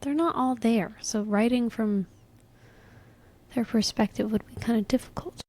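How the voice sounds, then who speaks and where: A woman's voice: on the high side, a little slow, warm tone. A woman co-hosting a podcast in casual chat, thinking aloud and correcting herself as she goes. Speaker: podcast co-host.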